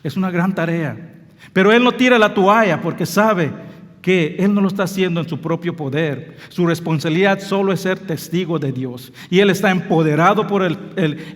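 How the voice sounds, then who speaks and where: A man's voice: high-pitched, normal speed, in a large hall. A man from Belize with a Belizean Spanish accent, whose first language is English, preaching a sermon as pastor in an earnest way that builds to emphatic peaks. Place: church.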